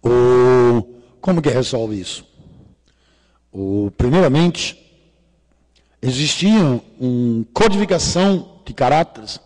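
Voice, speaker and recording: At medium pitch with a touch of mellowness, a middle-aged Dane lectures in Portuguese, his Danish accent plain. The talk is a jokey, irreverent conference piece sprinkled with casual swearing and non-native grammatical slips. Recorded with reverb in a large lecture hall.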